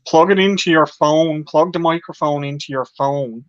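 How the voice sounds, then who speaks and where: A man's voice: fairly high pitch, moderate pace, smooth, no room sound. A man co-hosting a casual live chat, joking around and giving practical tips. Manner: joking, gives practical advice. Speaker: live show co-host. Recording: dull lo-fi sound.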